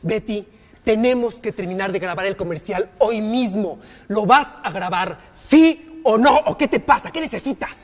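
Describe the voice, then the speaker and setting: A man's voice: sits high, animated, normal speed. A man with a Mexican accent playing an impatient commercial director who keeps calling cut, in a live comedy sketch. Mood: exasperated. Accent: Mexican Spanish. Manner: impatient, barking counts and cuts. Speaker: sketch actor. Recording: live audience laughing behind.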